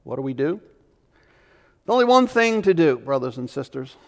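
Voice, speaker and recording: Man preaching with a raspy edge, urgent then hushed, lively reverb of a large church. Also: mid-range voice, normal speed. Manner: emphatic preaching with sudden loud and hushed turns. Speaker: pastor. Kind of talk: sermon.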